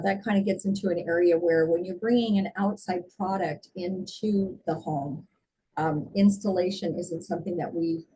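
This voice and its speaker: A woman co-hosting a casual house tour, passing on questions in halting, hesitant phrases, recorded at a distance from the mic. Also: fairly low pitch, mellow. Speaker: co-host relaying viewer questions. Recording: distant mic with clear background noise.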